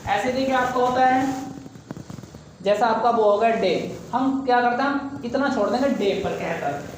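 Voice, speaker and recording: A man's voice: very high voice, moderate pace, a little hiss or hum. Male teacher for a casual video class, chatty, keeps saying "guys", drags out demo sounds, very echoey room. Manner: keeps addressing viewers as "guys", stretching and repeating demo sounds.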